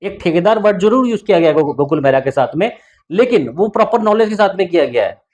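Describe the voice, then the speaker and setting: A man's voice: sits high, animated, fast talker, darkish tone, dull audio. A man hosting a podcast, talking in an encouraging, somewhat preachy motivational way. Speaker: podcast host. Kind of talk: motivational interview talk.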